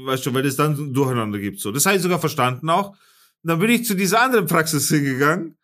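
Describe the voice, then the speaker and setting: Guy on a podcast, pretty high voice, slangy and swearing, ranting a story. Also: fast talker. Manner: animated, slangy, swears freely. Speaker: podcast host. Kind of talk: casual storytelling chat.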